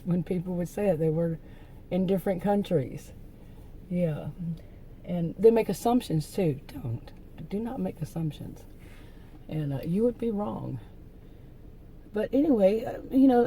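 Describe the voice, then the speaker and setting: A woman's voice: medium pitch, mellow, slight background noise, poor audio. A woman YouTuber with a soothing voice talking in a casual vlog monologue, rambling, easily distracted and trailing off mid-thought.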